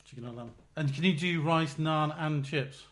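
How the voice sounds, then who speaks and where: A man with an English accent hosts a casual podcast. His voice sits a little high. He fires off light quiz questions and keeps breaking into laughter. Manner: jokey, laughs often, asks quick-fire questions. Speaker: podcast co-host. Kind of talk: casual chat.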